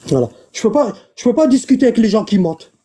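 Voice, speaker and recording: A man's voice: high-pitched, very animated, quick pace, warm tone. A man hosting a live online debate, arguing and repeating himself. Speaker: live stream host.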